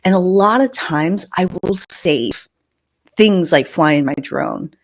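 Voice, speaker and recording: Slow and expressive, her voice on the lower side, a woman hosts a casual podcast. She shares anecdotes about her own life, delivering them emphatically with joking asides.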